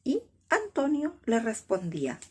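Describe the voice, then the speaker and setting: A woman telling a children's story in a slow, expressive way, with a husky, breathy voice and whispered asides. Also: fairly high pitch.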